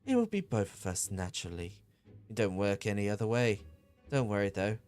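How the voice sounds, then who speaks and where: A man's voice: on the low side, sing-song, brisk, darkish tone, soft background music. A man voicing a cocky young male tag-team wrestler with a smug, taunting manner.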